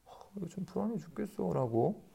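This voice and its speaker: A man's voice: fairly quick, vocal fry, husky. A middle-aged man, a Buddhist monk, giving a conversational dharma lecture on a sutra. He often checks in with his listeners and acts out the voices he quotes. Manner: animated, acts out quoted voices with pitch jumps; conversational, often adds tag questions.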